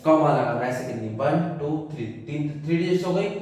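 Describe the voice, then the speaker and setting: A man's voice: on the high side, expressive, brisk. A man teaching a maths lesson to children, asking questions and answering them himself, often calling the students "beta". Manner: calls students "beta" warmly. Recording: echoey hall, voice from far off.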